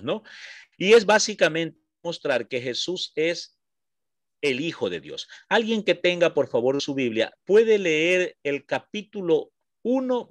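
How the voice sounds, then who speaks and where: This is an Ecuadorian man leading a Bible study, his voice sitting a little higher than most men's. He explains step by step, goes back over his main points, and keeps asking the room whether they follow. The sound is close and dry, with no room echo. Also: fairly bright tone. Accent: Ecuadorian Spanish. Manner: explanatory, checks understanding with short questions; repeats points slowly for emphasis. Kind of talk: teaching a Bible class.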